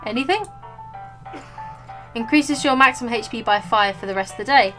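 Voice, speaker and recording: A woman's voice: fairly high pitch, moderate pace, a bit bright, soft background music, poor audio. A woman hosting a gaming video, reading game text aloud with casual, playful and jokey commentary. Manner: playful, jokey, breaks into silly asides.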